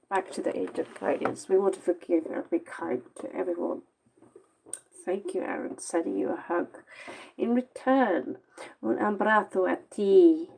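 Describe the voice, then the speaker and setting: Heard through a low-quality recording, a tired tarot reader from Norway slowly works through a late-night reading in her second language, her Norwegian accent clear. Her medium-pitched voice is a little mellow but gravelly with lots of fry, and she rambles with blunt sarcasm.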